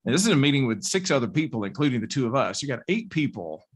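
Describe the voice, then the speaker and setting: A man co-hosting a podcast tells a workplace story in a relaxed, conversational way. His voice sits at a middle pitch. He gets animated as he goes. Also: fast talker, slightly rough. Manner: animated, acts out quoted people in a raised voice. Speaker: podcast co-host. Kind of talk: casual storytelling.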